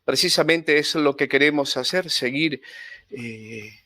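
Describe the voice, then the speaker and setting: A man, a friar and interview guest, speaking in a measured, thoughtful way with small hesitations. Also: mid-range voice, pushed and bright, dry recording. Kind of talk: interview answer.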